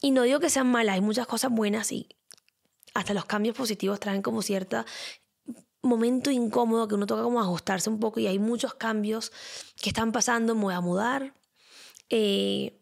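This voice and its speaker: A young woman hosting her own podcast, chatting in an expressive way and repeating words for emphasis. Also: a little high, normal speed, creaky. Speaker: podcast host. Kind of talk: casual solo podcast talk.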